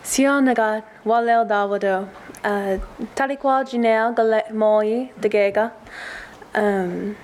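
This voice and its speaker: A woman's voice: medium pitch, steady tone, measured pace, a little hiss or hum. Nineteen-year-old woman, hesitant greeting. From Oklahoma. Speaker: university student. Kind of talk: self-introduction at a podium.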